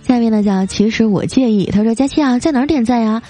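A woman chats through listener messages in a playful, teasing way. Her voice sits a little high but sounds mellow and soft-edged. Faint music runs underneath. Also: fast talker. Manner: playful, teasing, reads jokes with light voiced quotes. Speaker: podcast host reading listener comments. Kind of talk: casual chat.

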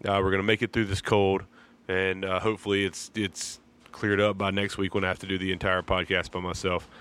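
A podcast host with a low, level, smooth voice, a little bright, talks at a brisk clip. A sinus infection leaves him froggy and congested as he eases into a casual intro and chat, rambling in a relaxed way.

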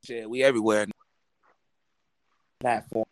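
A man's voice: fairly low pitch, little pitch movement, measured pace, smooth, no echo. A man co-hosting a casual podcast in laid-back slang, his voice breaking up and cutting out over a remote call connection. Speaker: podcast co-host.

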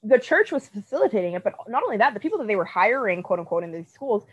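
A woman's voice: medium pitch, very animated, fast, slightly rough. A young woman co-hosting a podcast, chatting in rambling bursts and readily agreeing. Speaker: podcast co-host. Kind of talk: casual chat. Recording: slightly dull, lo-fi sound.

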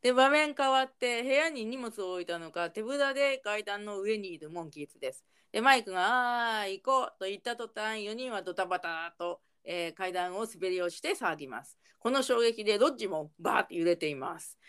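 Woman, fast chatty recap host energy, mid pitch, easygoing asides. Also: lively intonation, fairly bright tone, smooth. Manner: quick, chatty narration with small asides and laughter. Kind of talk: casual chat recapping a TV episode.

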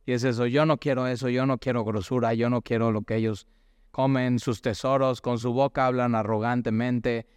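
A man's voice: medium pitch, flat delivery, normal speed, a little mellow, smooth, no room sound. A man, preaching a sermon as a pastor in a conversational way, asking his listeners questions.

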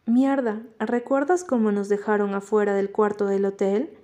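A woman voicing a young man's loud, joking friend in a storybook reading. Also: medium pitch, steady tone, moderate pace, close to an everyday voice.

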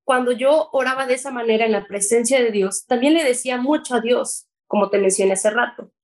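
A Mexican woman with a slightly high voice tells her faith story earnestly. She speaks with feeling and stumbles over her words now and then as a guest recounting her life. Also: brisk, darkish tone, poor audio. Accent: Mexican Spanish. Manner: earnest and emotional, with hesitations. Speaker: guest sharing her testimony. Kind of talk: personal faith testimony.

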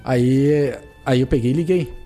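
A man with a Brazilian accent, a footballer guest telling a story in casual chat, animated and repetitive, acting out the dialogue. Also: medium pitch, measured pace, soft background music.

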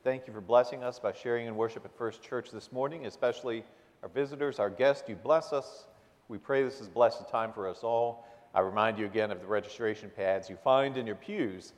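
A man with a fairly deep voice addresses a congregation as its pastor. He delivers welcomes and announcements in a formal, measured way. His words carry long reverberation from a large church interior. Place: large church sanctuary, indoors.

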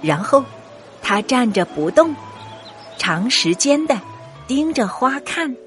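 A woman's voice: high-pitched, sing-song, slow. A woman narrating a scripted story for young children as a storyteller. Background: music.

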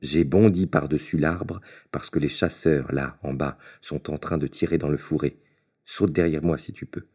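Brief: a man voicing a sly, boastful little tailor, deep mellow storybook voice. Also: steady tone, normal speed, slightly rough.

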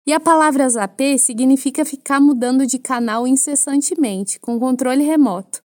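Brazilian woman, French teacher, high voice, dry close sound, patient and playful. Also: moderate pace, a little mellow, dry recording. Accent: Brazilian Portuguese. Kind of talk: language lesson for Portuguese speakers.

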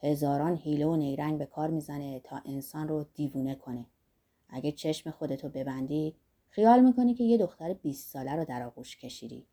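A woman voicing a rough, lusty old man who talks bluntly and boastfully about life and age. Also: sits low, mellow, pitched below the performer's own voice. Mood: earthy musing.

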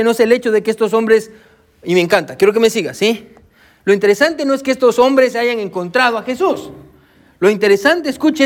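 A male pastor preaching a sermon, with a preacher's cadence and frequent "amén" and "hermano" asides. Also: extremely high pitch. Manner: code-switches with English "so".

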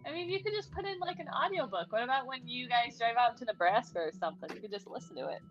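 A woman co-hosting a podcast in casual chat, quick and teasing. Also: fairly high pitch, expressive, fairly bright tone, muffled recording, soft background music.

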